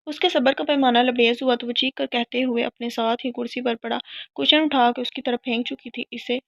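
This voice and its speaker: A woman narrates a romance novel in a steady reading voice, pitched a little high with a gravelly, fry-laden edge. Her delivery is flat, with little rise and fall. The recording is dry and somewhat dull and lo-fi. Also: dry recording.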